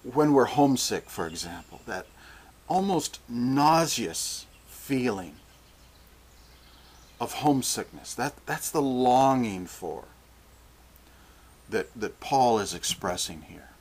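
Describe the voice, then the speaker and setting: An older man preaching a sermon, slow and deliberate, often restarting his phrases. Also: medium pitch, expressive, breathy edge.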